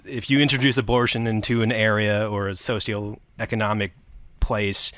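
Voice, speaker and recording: A man's voice: lowish voice, fairly bright tone. A man hosting a comedy podcast, telling a story in a crude, mock-dramatic way. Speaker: host.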